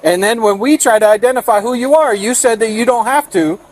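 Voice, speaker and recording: Brief: male police officer, high-ish voice, firm and flat-toned, faint noise behind. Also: fairly quick, rough recording. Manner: firm, repetitive, matter-of-fact.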